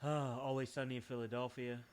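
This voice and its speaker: A young man with a Boston accent co-hosting a podcast in casual chat, animated and profane, jumping from topic to topic. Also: mid-range voice, normal speed, a little hiss or hum. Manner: animated, swearing, jumps from topic to topic. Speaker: podcast co-host.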